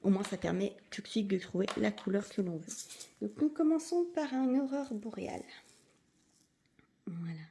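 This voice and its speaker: A woman chatting enthusiastically in a casual unboxing vlog, sometimes slipping into a soft half-whisper and moving away from the mic. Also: mid-range voice, moderate pace, gravelly, pauses often, reverberant, slight background noise. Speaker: crafting vlogger.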